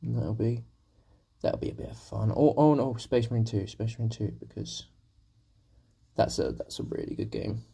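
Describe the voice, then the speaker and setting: A young man paints on stream and chats casually with viewers, his lowish, dark voice gravelly and husky because of a sore throat. He keeps a moderate pace, rambling along and mocking himself.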